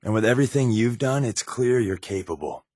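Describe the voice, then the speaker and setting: In scripted, conversational game dialogue, a man voices a sly, wry undercover resistance agent who serves as a video game companion, sounding casual, glib, sardonic, persuasive and wry. His medium-pitched voice is expressive, brisk, mellow and natural. The studio sound is clean with no echo.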